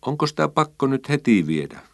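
A man's voice: mid-range voice, very animated, vocal fry, dry recording, studio quality, voice pushed up. Man putting on a sulky stubborn little boy. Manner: sulky, reluctant.

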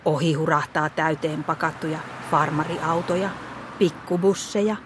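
A woman narrating a children's story in a calm, clear reading voice. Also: deep voice, noisy background. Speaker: storybook reader.

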